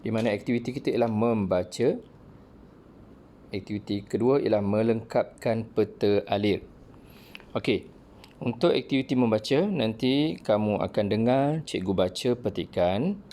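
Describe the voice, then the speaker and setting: Cikgu lelaki beraksen Melayu Malaysia, suara rendah, mesra, ada bunyi bising latar yang samar. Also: male voice, on the low side, normal speed, warm tone, a little hiss or hum. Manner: friendly, repeats "okey" often. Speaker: teacher. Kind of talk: online primary-school lesson.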